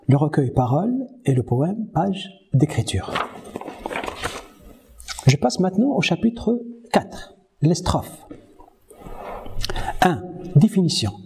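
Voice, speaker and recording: A man giving a university lecture on French verse, slowly reading poems aloud and counting their syllables. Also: on the high side, dark tone, husky. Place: Morocco.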